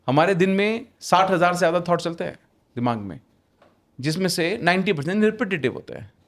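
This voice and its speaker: A man speaking as a guest on a podcast, his voice sitting a little higher than most men's. He is emphatic, repeats key phrases to drive them home and slides into English mid-sentence. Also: lively intonation, a little fast. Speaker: podcast guest, manifestation author. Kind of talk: casual podcast conversation.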